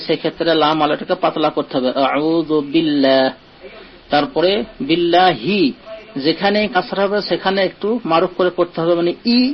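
A man gives a recitation lesson in a fairly high voice, laying out each pronunciation rule patiently. Between explanations he draws out the example words in a slow chant. The sound is dull and lo-fi. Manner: explains rules step by step, then slowly chants example words. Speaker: Quran recitation teacher. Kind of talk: online tajweed lesson explanation. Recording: dull lo-fi audio.

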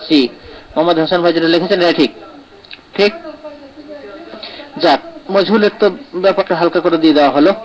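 Male teacher, slightly higher voice, patient step-by-step explainer, keeps asking "right?". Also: a little fast, pauses often, rough recording. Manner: explanatory, checks in with "right?" often. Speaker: Quran recitation teacher. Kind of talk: live online lesson answering comments.

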